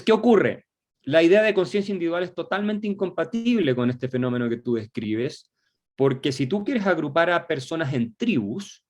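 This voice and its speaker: A man, a guest explaining ideas at length in a political discussion, with frequent hesitations and tag questions. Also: fairly high pitch. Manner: lecturing, many filler "eh" and tag questions. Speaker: guest commentator.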